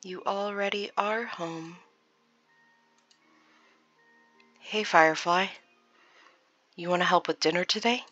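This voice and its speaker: A woman voicing a lonely, gentle young man in a forest, in a whispered role-play with a hushed, pleading voice. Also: fairly low pitch, normal speed, no room sound, lo-fi sound, faint music behind.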